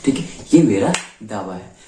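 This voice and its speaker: A male teacher giving a classroom-style grammar lesson, repeating his points with frequent check-ins and slowing down to spell out letters. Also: fairly low pitch, expressive, warm tone, slight background noise. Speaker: English teacher. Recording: echoey room, voice from a distance.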